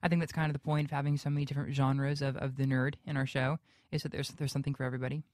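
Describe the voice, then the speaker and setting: A young man with a naturally high-pitched voice, a guest actor in a radio interview, talking haltingly with many fillers and restarts. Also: flat delivery, dry recording, clean studio sound.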